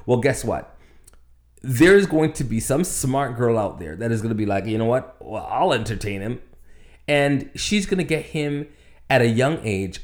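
Middle-aged male podcast co-host, lower register, earnest and explanatory delivery. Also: a little mellow. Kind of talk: casual advice chat.

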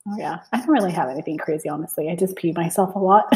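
A woman's voice: lowish voice, fast talker, a little mellow. A woman guest on a casual podcast who gives brief, understated answers.

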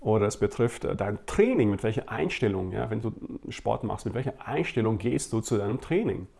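A man's voice: lowish voice, animated, brisk, creaky, a little mellow. A male pastor giving a sermon, talking conversationally to his listeners with many fillers and direct questions.

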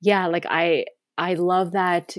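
A woman's voice: fairly low pitch, little pitch movement, slow, dry recording, clean studio sound. A woman, a podcast guest chatting casually, with many fillers and restarts. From Canada. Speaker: guest, K-drama writer.

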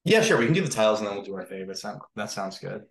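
A man's voice: fairly low pitch, animated, reverberant, crowd noise. A man co-hosting a podcast, easygoing and agreeable, chatting casually. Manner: easygoing, agreeable, reads titles slowly. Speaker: podcast co-host.

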